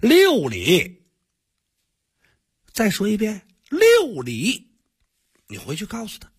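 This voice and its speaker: A sly male minister talks in a coaxing, mocking way, smug and scheming in a storyteller's tale, as a man puts him on. The voice is husky and leaps around in pitch. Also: huge pitch swings, slow, heavily acted.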